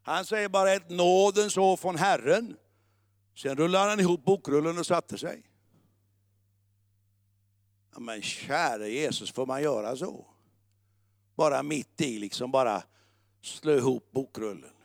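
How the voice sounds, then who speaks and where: Male pastor, sermon, high voice, dry sound, swings between loud proclaiming and soft musing, drops in english words. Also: expressive, gravelly, dry recording. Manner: shifts between loud declaring and quiet musing; mixes English words into the talk.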